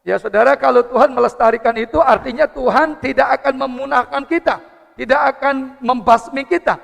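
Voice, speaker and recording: A man's voice: very high voice, fairly quick, vocal fry, fairly bright tone. A man preaching a sermon, moving a prayer into teaching. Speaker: pastor. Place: church service hall. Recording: church hall reverb with faint music.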